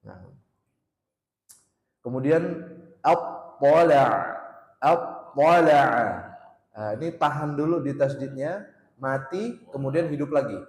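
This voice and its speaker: A man teaching Quran recitation at a mosque study circle, drilling letter sounds by repeating them slowly and loudly. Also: medium pitch. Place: mosque hall. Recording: echoey mosque hall with long reverb.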